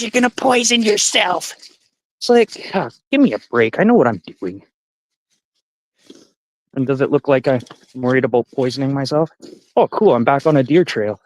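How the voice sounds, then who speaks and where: Canadian man in his 40s, live-stream hiking vlogger, rambling profane chatter, dry close sound, mid pitch. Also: no echo, rough recording. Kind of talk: casual live-stream chat while hiking. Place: outdoors on a forest trail.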